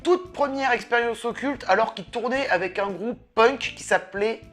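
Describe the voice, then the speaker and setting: A woman hosting a comics review video, lively and sarcastic, swearing casually as she talks. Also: a little high, moderate pace, faint music behind. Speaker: host of a comics review channel.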